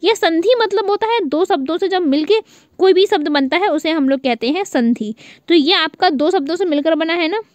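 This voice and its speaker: A woman teaches an online class in a high, clear voice. She repeats each key point back to her students as a question. The recording is dry and close, with no room echo. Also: lively intonation, moderate pace. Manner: draws out vowel sounds to demonstrate length.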